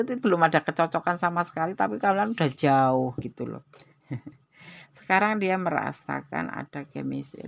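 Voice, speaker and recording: A woman's voice: lowish voice, vocal fry, a bit bright. A woman giving a chatty, exclamatory tarot reading to her viewers. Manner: chatty and exclamatory, with frequent religious interjections. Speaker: tarot reader.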